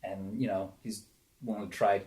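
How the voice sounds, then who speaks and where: A man's voice: lowish voice, level tone, normal speed, darkish tone. A young man co-hosting a casual movie podcast, chatty and thinking aloud. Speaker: podcast co-host.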